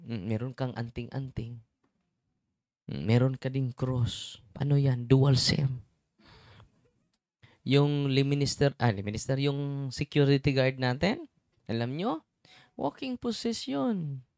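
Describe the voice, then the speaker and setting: A middle-aged priest and exorcist delivers a conversational sermon, chatty and constantly checking in with his congregation. His mid-range voice is a little mellow, recorded with clean studio sound and no room echo.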